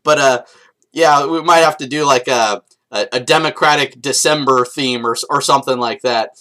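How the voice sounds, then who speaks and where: A man's voice: mid-range voice, moderate pace. A young man talking casually to camera in a vlog, rambling with many restarts and fillers, profane and self-mocking. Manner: profane, swings from shouting rant to mumbling asides. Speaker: vlogger.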